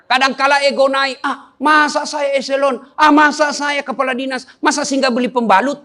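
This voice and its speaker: A man's voice: very high voice, a bit bright. A man giving a humorous sermon, joking and teasing his listeners with questions. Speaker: Islamic preacher.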